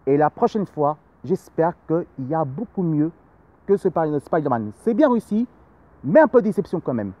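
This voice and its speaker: High-voiced rambling male film reviewer. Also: very animated, normal speed, dull audio. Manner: rambling, repeats himself, many fillers. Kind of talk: casual spoken film review.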